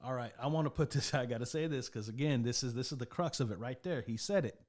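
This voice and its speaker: A man's voice: medium pitch, fast, darkish tone. Chatty male sports commentator. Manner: conversational, repeats himself, keeps asking "right?". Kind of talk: casual video commentary.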